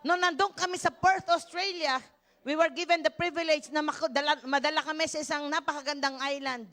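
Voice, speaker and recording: An older woman from the Philippines preaches at a church service in a very high, bright, forceful voice. She is animated and breaks into shouted praise. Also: brisk. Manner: animated preaching with shouted hallelujahs and frequent laughter. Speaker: pastor. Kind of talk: sermon.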